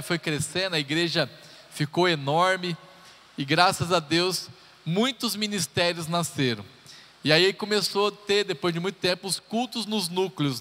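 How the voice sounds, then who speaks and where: In a church hall with live reverb, a Brazilian pastor in his thirties jokes and shares personal stories while introducing his sermon to the congregation. His voice sits high, bright and forceful.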